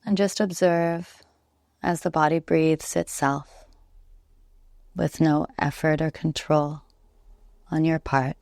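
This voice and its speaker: Guiding a yoga nidra relaxation, this woman speaks in a deep, flat voice, calm and slow, with long silences between her gentle cues. It's a dry, studio-quality recording.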